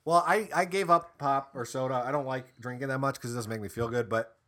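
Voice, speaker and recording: A young man co-hosting a podcast in casual, animated chat, swearing and laughing often. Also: mid-range voice, brisk. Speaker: podcast co-host.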